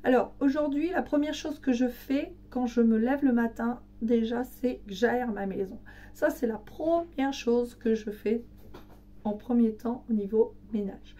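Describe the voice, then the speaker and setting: A woman with a hoarse, raspy, breathy voice that is recovering from voice loss, chatting casually as she explains her household routine step by step. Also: a little high, measured pace, mellow, distant mic. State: hoarse, weak voice recovering from laryngitis. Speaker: home cleaning vlogger. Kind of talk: casual chat to camera.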